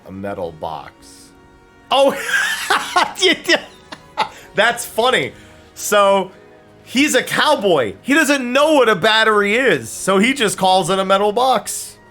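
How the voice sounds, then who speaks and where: A man's voice: high voice, animated, unhurried, sharp tone, faint music behind. A man streaming a video game, thinking aloud about his plans, swearing freely and laughing at the game. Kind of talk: casual live game commentary.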